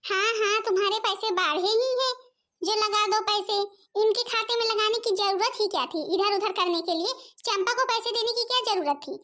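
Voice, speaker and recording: A woman voices a fiery village mother and daughter-in-law in a home-made cartoon. She argues in a combative, rapid-fire way with a very high voice. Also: bright, forceful tone. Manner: combative, quarrelsome.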